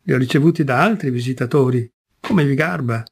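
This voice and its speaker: A man's voice: medium pitch, fairly quick, vocal fry, slightly rough. A flustered, indignant young chorus girl, read by a man in a storybook reading. She defends herself in a rush and turns sharply accusing.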